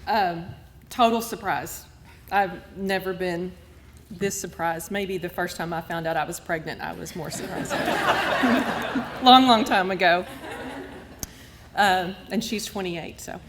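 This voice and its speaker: A woman's voice: fairly low pitch, takes it slowly, pauses often, noisy background. Tearful woman in a reverberant hall. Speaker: award recipient. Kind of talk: emotional acceptance speech. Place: large event hall at a lunch. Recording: long hall reverb, faint room ambience.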